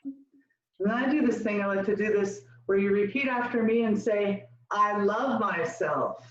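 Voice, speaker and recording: A woman's voice: mid-range voice, darkish tone. A woman leading a laughter yoga session, drawing out chants and cues and laughing often between them. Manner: slow, drawn-out chanting with frequent laughs. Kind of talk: guided group exercise. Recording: roomy, distant, dull sound.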